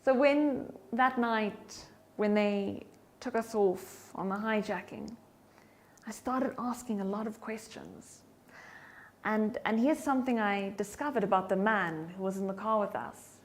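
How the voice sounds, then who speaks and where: A woman delivers a motivational talk at a middle pitch, with an expressive, varied delivery. She shifts her pitch and loudness for emphasis. At times she sinks to a near whisper to guide slow breathing. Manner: drops to soft whispers when demonstrating breathing. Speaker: keynote speaker and voice coach.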